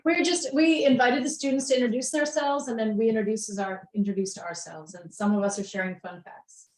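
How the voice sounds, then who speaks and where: A woman in her fifties chairing a town committee meeting, friendly and quick to laugh. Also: fairly high pitch, darkish tone. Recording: echoey meeting room.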